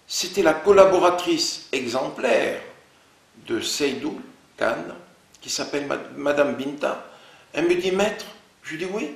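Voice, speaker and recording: A man giving an interview, recounting events in lively storytelling and acting out the dialogue of the people involved. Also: on the high side, creaky, reverberant. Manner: animated storytelling, quoting others' words in dialogue. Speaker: interview guest.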